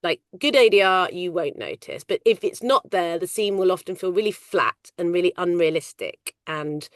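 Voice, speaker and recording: A middle-aged woman working in film casting, talking loudly and animatedly in a casual interview. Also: on the low side, moderate pace, dry recording, clean studio sound. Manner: loud, animated, chatty storyteller. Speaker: ADR casting coordinator.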